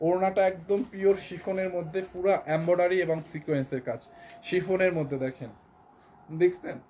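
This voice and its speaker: A hoarse man from Bangladesh giving a live online sales pitch for clothes, repeating himself and coaxing viewers as he shows each item. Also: a little mellow, slight background noise. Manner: repetitive, coaxing, calls viewers "apu". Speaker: clothing seller.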